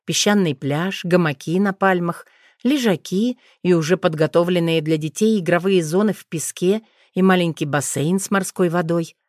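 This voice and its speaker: Woman reading an audiobook, kinda low voice, steady storyteller, dead dry close sound. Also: moderate pace, dry recording. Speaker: audiobook narrator. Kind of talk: first-person audiobook narration.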